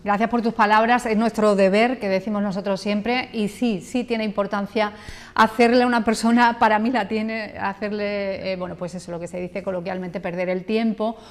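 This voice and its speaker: A woman's voice: medium pitch, fairly even intonation, moderate pace. A woman presenter interviews a guest for local television in a mid-range voice. She asks her questions conversationally, with the odd filler. Her voice trails off into a long reverb.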